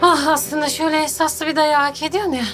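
A firm lady scolding someone, high voice, music loud underneath. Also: flat delivery, fast talker. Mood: reproachful. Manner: firm, reproachful.

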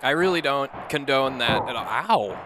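Drunk man yelling at a game. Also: medium pitch, animated, moderate pace, very noisy. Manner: profane, rowdy, laughing, shouting at the game. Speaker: gameplay commentator. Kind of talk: drunk let's-play commentary. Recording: game music behind the voice. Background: video game music.

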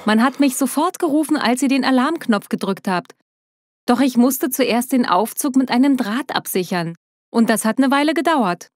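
A woman's voice: sits high, animated, moderate pace, dry recording, studio quality. A woman voicing a panting, oil-smeared repairman. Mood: apologetic. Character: heavy-breathing, oil-smeared male repairman.

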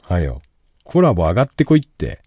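A man streaming live, brash and impatient as he goads a viewer. His lowish, husky voice lurches from low mutters to sudden high outbursts. The sound is dry and close to the mic. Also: wildly swooping pitch, fairly quick, dry recording. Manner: brash, insulting, impatient, swinging from mumbles to shouts. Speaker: livestream host giving advice. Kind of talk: livestream chat reading comments.

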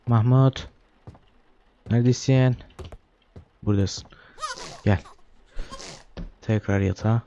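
A man's voice: mid-range voice, fairly even intonation, slow pace, long pauses, mellow, lo-fi sound, slight background noise. A young man giving joking horror game commentary, talking to the baby character and reading game text aloud. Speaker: gaming YouTuber.

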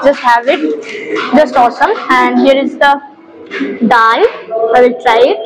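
A woman's voice: high voice, fairly even intonation, a little slow. A young woman from India with a Bengali accent, reviewing dishes in a casual food vlog, eager and full of short exclamations as she tastes. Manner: enthusiastic, short exclamations while tasting. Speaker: food vlogger. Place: busy restaurant, indoors. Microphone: clip-on lapel mic. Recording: crowd noise in a busy restaurant. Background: restaurant crowd chatter.

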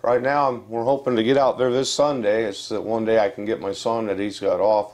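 In a room with wooden furniture, an older West Virginia man hosting a channel rambles through a casual update to camera, wearing a lapel mic. His voice is fairly low and darkish; he speaks plainly, leaning on fillers and frequent restarts.

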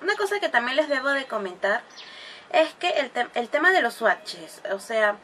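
A woman's voice: high-pitched, big pitch swings, normal speed, sharp tone, a little hiss or hum. A woman talking through a makeup tutorial, chatty and explaining each step as she goes, with bursts of gushing praise for the products. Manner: gushing exclamations over products. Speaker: beauty vlogger.

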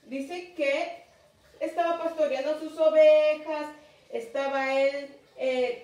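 A woman with a fairly high, mellow voice tells a Bible story to children. She stops often to ask them questions. She sounds far from the mic in an echoey room.

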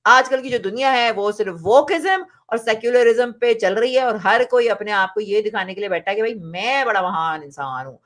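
A woman's voice: on the high side, a little fast, few pauses. A woman giving an opinionated reaction commentary, emphatic and repetitive, mixing in English phrases. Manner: emphatic, repetitive, switches between Hindi and English. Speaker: reaction vlogger.

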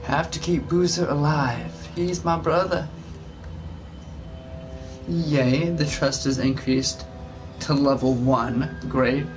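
A man's voice: medium pitch, fairly even intonation, takes it slowly, over music. A young man doing casual let's play commentary as the host of a gaming video. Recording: game sound behind the voice. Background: game dialogue and ambience.

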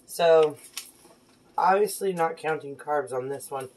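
This is a casual cooking vlog: a woman in her thirties, voice sitting low and pace slow, cooks with her daughter in a home kitchen and keeps praising her. A counter-top phone camera captures a noisy background where dishes and pans clatter clearly.

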